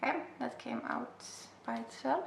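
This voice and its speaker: A young Icelandic-accented woman, for whom English is a second language, casually talks through a makeup tutorial as a vlogger, with chatty, self-deprecating asides. Her voice is on the high side and creaky, at normal speed. The room is echoey with faint hiss.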